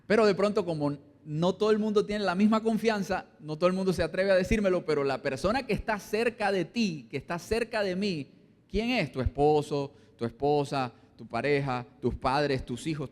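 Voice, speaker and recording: A man preaching a sermon as pastor, acting out little quoted voices and swinging between quiet asides and louder points. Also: lively intonation, moderate pace, big-room sound. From Colombia. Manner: preaching with acted-out quotes, dropping low and rising loud. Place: church hall.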